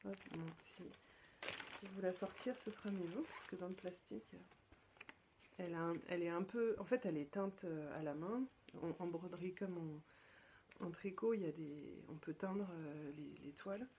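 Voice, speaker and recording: A woman from France hosting her own podcast, chatting casually and hesitantly, with many fillers and restarts and soft whispered asides. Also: on the low side, moderate pace, a little hiss or hum. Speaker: podcast host. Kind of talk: casual show-and-tell chat.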